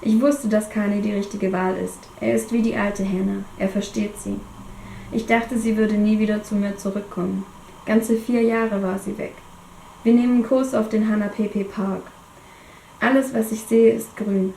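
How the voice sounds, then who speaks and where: A woman reading her own novel aloud in the first person, still getting over a cold, dropping to a hush in the tense moments. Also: medium pitch, fairly even intonation, normal speed, creaky, reverberant, slight background noise, poor audio. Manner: reads dramatically, drops to a hush in tense moments. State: has a cold.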